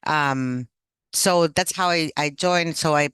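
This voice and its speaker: Man presenting, halting with fillers. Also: on the high side, sharp tone, clean tone, dry recording. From Chile. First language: Spanish. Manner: hesitant, many "um" fillers and restarts. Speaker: workshop presenter. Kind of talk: online workshop talk. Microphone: video call.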